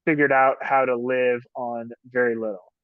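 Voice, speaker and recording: A man's voice: medium pitch, little pitch movement, normal speed, clean tone, dry recording. Rambling man on a dull call. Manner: rambling, filler-heavy, frequent "like", laughs often. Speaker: ski patroller and union officer. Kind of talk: casual interview chat. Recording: dull dry lo-fi call audio.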